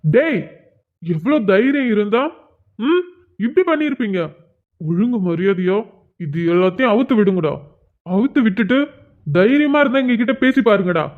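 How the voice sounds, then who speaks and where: A man plays a tied-up family man in a cartoon, hot-tempered and loud. He talks high and fast with threats, and the sound is thin and phone-like. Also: animated. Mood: angry. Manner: shouting threats, blustering.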